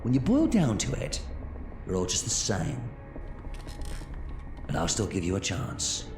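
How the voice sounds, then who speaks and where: A man's voice: deep voice, a little slow, vocal fry, music in the background, heavily acted. Man playing the Doctor, wildly swooping eccentric alien. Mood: grave, warning. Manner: theatrical, excitable, swooping. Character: eccentric time-travelling alien adventurer, exuberant, brisk, commanding. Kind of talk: audio drama acting.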